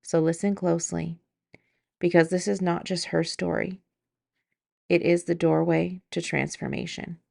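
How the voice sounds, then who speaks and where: A woman hosting an interview podcast, reading a measured scripted intro and then asking chatty questions. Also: on the low side, little pitch movement, gravelly, mellow. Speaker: podcast host.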